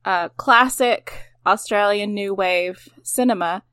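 A woman's voice: medium pitch, slow, fairly bright tone, smooth, dry recording, clean studio sound. A woman hosting a podcast in casual chat, talking in a chatty, self-deprecating way with many fillers. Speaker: podcast host.

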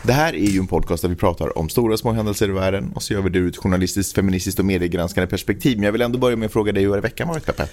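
Low-voiced man co-hosting a chatty podcast. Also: few pauses, darkish tone. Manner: rambling, self-interrupting, joking. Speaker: podcast co-host. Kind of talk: casual chat.

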